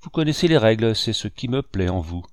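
A cunning old pirate captain, put on by a male audiobook reader, speaks with calm, drawling mockery. The voice sits low and is recorded dry and close. The storybook telling is unhurried and sly. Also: no room sound, lightly acted. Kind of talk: audiobook reading.

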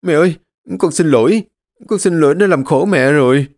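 Man voicing a young son, tearful, pleading, raised pitch, audiobook story. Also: moderate pace, darkish tone, dry recording, studio quality, natural voice. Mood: tearful relief. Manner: pleading, choked with tears. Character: young adult son, poor, tearful and devoted. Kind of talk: audiobook character reading.

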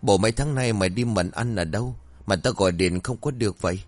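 A man's voice: fairly low pitch, fairly quick, no echo, natural voice. A man doing a young pregnant wife, faint and pleading. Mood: surprised.

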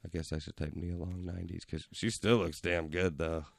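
A man's voice: deep voice, level tone, moderate pace, gravelly, no echo, clean studio sound. A young man hosting a casual podcast, laid-back and swearing freely with lots of "like" and "dude". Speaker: podcast host. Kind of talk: casual chat. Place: indoor room with cameras. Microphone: studio mic.

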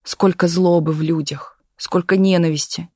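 A reader voicing a frightened, weary young actress who speaks quietly and pleadingly, often close to a whisper. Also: mid-range voice, steady tone, moderate pace, no room sound, close to an everyday voice. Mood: bitter, sad.

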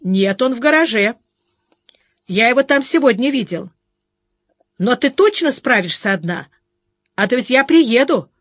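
A woman's voice: on the high side, lively intonation, measured pace, pauses often, a bit bright. This is a caring husband from an audiobook, read by a woman. He talks in a firm, insistent way and scolds a little. The sound is dry, with no room echo. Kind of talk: audiobook character reading.

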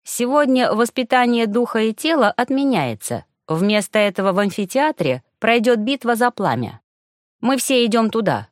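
A woman's voice: a little high, big pitch swings, normal speed, no echo, clean studio sound. A woman voicing a brash, scheming young male student in an audiobook, talking in a smug drawl. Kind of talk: audiobook character voice.

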